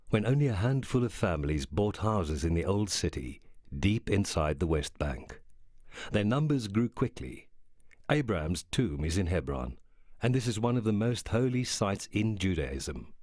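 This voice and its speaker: A man narrating a documentary in a measured, scripted way. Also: low-pitched, very animated, a little mellow, dry recording, clean studio sound.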